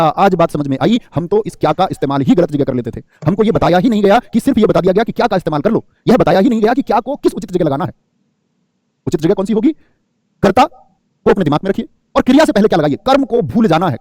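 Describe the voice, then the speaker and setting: A man's voice: sits high, a little mellow, no echo, clean studio sound. A man teaching grammar in a classroom lecture, firing rhetorical questions and playing the students' answers himself, often calling his listeners friend.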